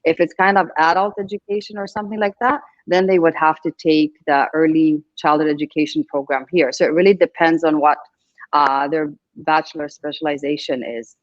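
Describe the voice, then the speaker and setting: A woman's voice: low-pitched, fairly even intonation, fairly quick, lo-fi sound. A middle-aged woman from Greece, a Montessori instructor, who answers webinar questions patiently and reassuringly over a video call. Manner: reassuring, explanatory, frequent restarts.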